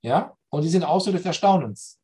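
Reflective man explaining ideas slowly. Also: on the high side, expressive, mellow. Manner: pondering, slow, often adds "ja?" to check understanding. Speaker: speaker on philosophy and spirituality.

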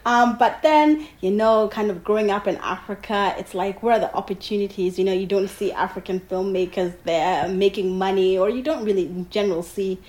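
A woman's voice: mid-range voice, a little fast, few pauses, a little mellow, poor audio. Chatty young Ugandan-born woman on a call. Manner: chatty, laughs often, many fillers. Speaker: interview guest, filmmaker. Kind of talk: casual conversational interview. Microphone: online call.

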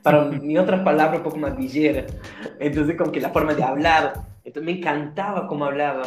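Young brazilian guy chatting, laughs a lot, kinda high voice, echoey room, soft music under. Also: fast. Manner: slangy, laughing, animated storyteller. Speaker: guest. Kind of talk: casual storytelling chat. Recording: roomy echo with faint music.

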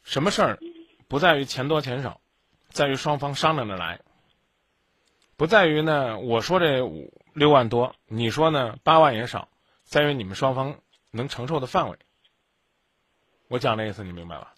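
Radio advice host, male, dry studio sound, lectures sharply, bright voice. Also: medium pitch, animated, moderate pace, long pauses, no echo. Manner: blunt, lecturing, scolding. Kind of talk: late-night call-in advice.

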